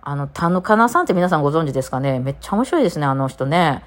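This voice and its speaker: Fast-talking Kansai woman, low voice. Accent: Kansai Japanese. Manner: chatty storytelling, lively asides. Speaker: podcast host. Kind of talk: casual solo chat.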